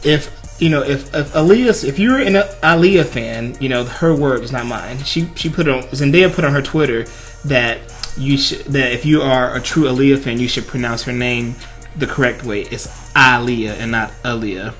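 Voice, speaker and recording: Male radio co-host, mid-pitched voice, animated and halting, faint music bed. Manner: animated, halting, repeats himself, says "you know" a lot. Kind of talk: casual opinion chat.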